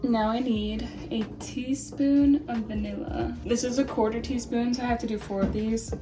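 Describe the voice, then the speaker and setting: A woman's voice: a little high, fairly even intonation, moderate pace. A young woman vlogging casually in her home kitchen while she bakes, rambling and self-deprecating, with lots of fillers. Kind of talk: casual chat while baking. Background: faint lofi music.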